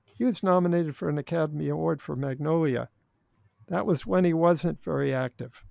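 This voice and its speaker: An older man speaking as a podcast guest in casual interview chat, blunt and opinionated, halting with restarts. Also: fairly high pitch, creaky, a little mellow, dry recording. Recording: dry, dull lo-fi sound.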